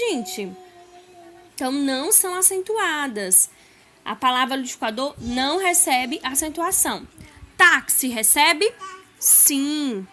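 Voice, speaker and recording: A woman's voice: high voice, pushed and bright, a little hiss or hum. A woman teaching a school lesson, explaining step by step and asking the class questions.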